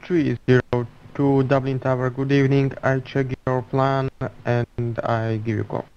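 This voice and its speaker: A man's voice: medium pitch, level tone, a little slow, a little mellow, clean tone, muffled recording. A man working as an online air traffic controller, giving clipped radio calls.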